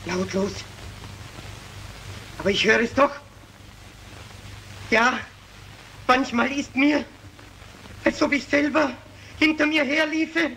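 Brief: a haunted killer pleading for his life; high, slow, breaking into screams, 1930s film sound. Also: bright, forceful tone, exaggerated voice, low-quality recording. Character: tormented, hunted male child murderer. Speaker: accused murderer pleading before a mob. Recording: old film soundtrack with faint hiss.

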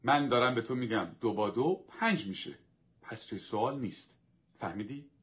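A man's voice: mid-range voice, animated, fairly bright tone, husky. A man playing a stern, authoritarian teacher who drills his class with commanding, dismissive orders. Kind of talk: dubbed drama acting.

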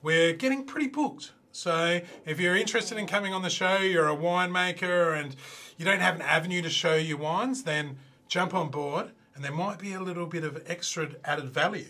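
Husky Australian man hosting. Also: high-pitched, moderate pace, pushed and bright. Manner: chatty, jokey banter. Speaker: show host. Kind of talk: casual chat.

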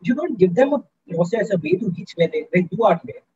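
A man's voice: high voice, lively intonation, fast talker, mellow, highs cut off, a little hiss or hum. A man giving an interactive online lecture to students, upbeat and coaxing, often asking the audience questions. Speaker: guest speaker in a student workshop.

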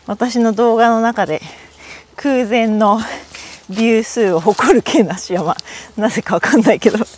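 This middle-aged Japanese woman, a hiking vlogger, speaks in a fairly high voice with a darkish tone and a moderate pace. She chats to herself while walking uphill on an outdoor mountain trail in a casual solo vlog, recorded on a body-worn camera.

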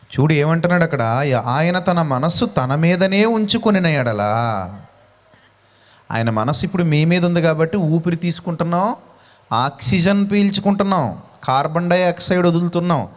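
A male pastor preaching a sermon in an animated way, full of rhetorical questions. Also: fairly high pitch, normal speed, in a large hall.

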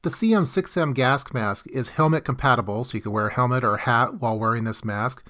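A man's voice: mid-range voice, brisk, bright, forceful tone, no room sound, studio quality. A man reading scripted product review narration in an explanatory, informal way.

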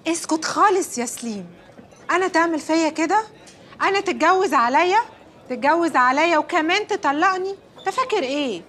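A proud, furious Egyptian wife. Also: female voice, very high voice, animated, fairly quick, a bit bright. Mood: indignant. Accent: Egyptian Arabic. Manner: indignant, scolding, haughty. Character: proud furious wife betrayed by her husband. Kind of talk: comedy film acting.

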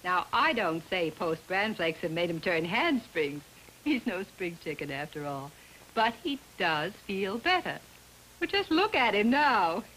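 An American actress playing a chatty, wry middle-aged homemaker in a 1950s TV broadcast commercial. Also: female voice, lowish voice, very animated, measured pace, fairly bright tone, rough recording. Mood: wry, teasing. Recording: faintly hissy old TV soundtrack.

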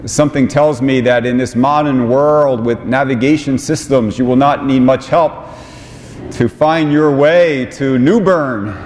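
A bishop in his forties delivers an ordination homily in a measured, unhurried way. His voice carries the long reverb of a large cathedral. A faint low rumble sits under the recording. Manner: slow, measured delivery with warm asides. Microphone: small lapel mic on vestments.

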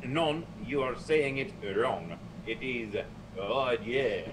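A man's voice: mid-range voice, lively intonation, slow. A man voicing a goofy, haughty French sock puppet teacher with a French accent and a terse manner. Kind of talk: children's puppet show parody. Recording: noisy video call.

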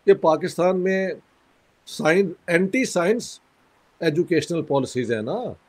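A man from Pakistan, a guest in an interview, speaking in a measured, critical way with pauses and a sore throat. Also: fairly high pitch, expressive, a little mellow. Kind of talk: conversational interview.

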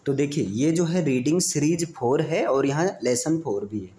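A man's voice: on the high side, normal speed, dark tone. A male English teacher, running a reading lesson, explaining pronunciation and quizzing his students. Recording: roomy echo.

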